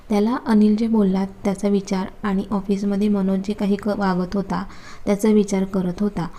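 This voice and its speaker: A woman narrating a romance story in a steady, matter-of-fact reading. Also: mid-range voice.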